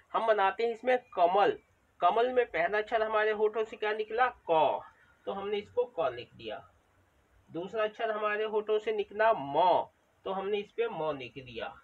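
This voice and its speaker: A man with a high voice gives a patient spoken lesson, repeating each sound aloud. He sounds a little way off from the microphone, and the recording is dull and lo-fi. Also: recorded from a distance. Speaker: teacher.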